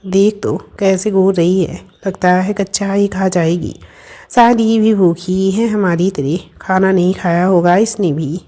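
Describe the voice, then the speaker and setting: A woman's voice: medium pitch, unhurried, dark tone, close to an everyday voice. A woman voicing a bold, teasing young woman who fusses over her friend. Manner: teasing, bossy and affectionate.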